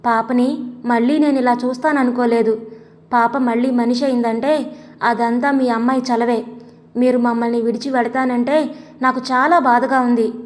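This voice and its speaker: A woman's voice: a little high, fairly even intonation, moderate pace, close to an everyday voice. A woman voicing a grieving, earnest doctor and father in an audio story, speaking in a sorrowful way. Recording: long echoey reverb.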